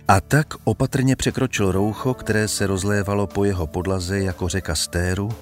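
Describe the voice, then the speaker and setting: A man narrating an audiobook in a measured, dramatic storytelling manner. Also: sits low.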